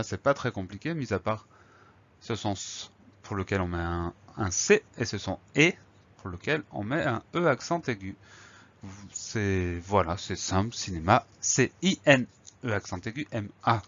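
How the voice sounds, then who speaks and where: Man, spelling teacher, patient, letter-by-letter, low voice, dull lo-fi sound. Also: lively intonation, normal speed, fairly bright tone. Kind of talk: spelling lesson.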